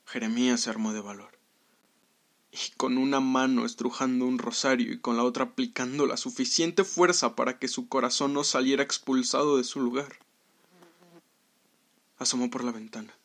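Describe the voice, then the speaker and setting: A man reading a scripted story aloud in a hushed, dramatic way that sometimes sinks to a whisper. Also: mid-range voice. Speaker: narrator.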